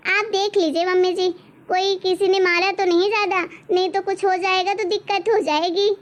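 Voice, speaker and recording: A woman's voice: very high voice, level tone, moderate pace. A woman voicing a sweet, eager young daughter-in-law in a cartoon story. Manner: sweet, reassuring.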